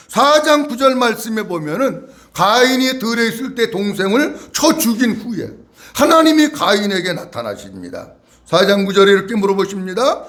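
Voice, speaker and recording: A male pastor preaching a sermon in a church, asking the congregation to repeat after him and acting out questions in a slow, drawn-out voice. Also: sits high, a bit bright. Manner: acts out God's questions in a slow voice. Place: church sanctuary.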